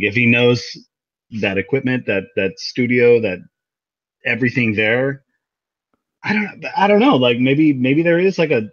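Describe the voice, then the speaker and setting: A man's voice: medium pitch, no room sound. A man musing aloud on a casual podcast, thoughtful and a little hesitant. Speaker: podcast co-host. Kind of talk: casual chat. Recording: dull lo-fi sound.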